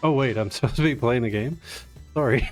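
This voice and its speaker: A speedrunner playing live chats casually and jokingly, with some self-deprecation, while gaming on a stream with game music behind him. His voice is mid-range and his delivery fairly quick.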